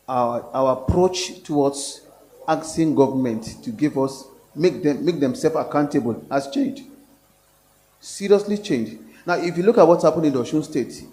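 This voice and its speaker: A man's voice: fairly high pitch, mellow, a little hiss or hum. A man from Nigeria, a professor speaking at a public forum, earnest and hesitant, with fillers and restarts. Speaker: professor, panel guest.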